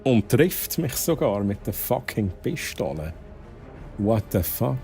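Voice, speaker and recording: A man's voice: lowish voice, sing-song, slow pace, dark tone, soft background music. A young man from Switzerland with a Swiss German accent, chatting casually to his chat while gaming, often dropping English exclamations. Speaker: streamer.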